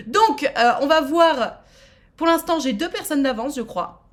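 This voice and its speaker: A woman's voice: sits high, expressive, unhurried. A woman from France hosting a live-streamed speed dating show, chatting casually and playfully with many fillers.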